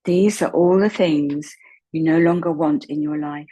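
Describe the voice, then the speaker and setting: Over a rough recording, a calm woman guides a relaxation session in a soft, unhurried, breathy tone. Her voice is low-pitched and husky, and long pauses separate her gentle, soothing meditation instructions.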